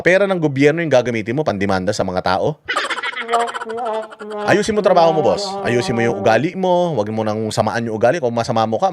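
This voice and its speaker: A man's voice: on the high side, noisy background. Mocking, crude Filipino man ranting. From Philippines. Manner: mocking, crude, laughing at his own jokes. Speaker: political vlogger. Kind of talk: casual ranting commentary.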